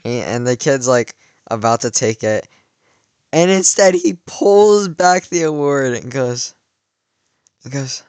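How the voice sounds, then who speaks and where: A teenage vlogger in his late teens tells a story casually and slowly, rambling with plenty of "like" and restarts. His mid-range voice has lively intonation and a darkish, clean tone with no echo. It's a little worn from cheering.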